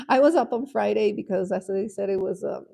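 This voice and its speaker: A woman's voice: mid-range voice, moderate pace, creaky, mellow, husky. A middle-aged woman from Ecuador chatting casually as a livestream host, answering comments while coloring, often laughing and rambling.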